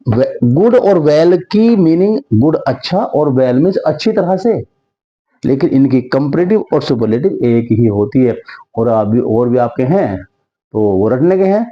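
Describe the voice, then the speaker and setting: A man's voice: mid-range voice, dull audio. A male teacher giving a grammar lesson, drawing words out and repeating examples to drill them. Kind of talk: Hindi-language grammar lesson.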